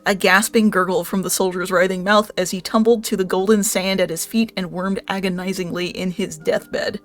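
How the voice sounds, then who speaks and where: A woman's voice: medium pitch, fairly even intonation, moderate pace, soft background music. A woman co-hosting a live stream, reading a book aloud with wisecracking, swearing asides. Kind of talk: comic read-aloud with running commentary.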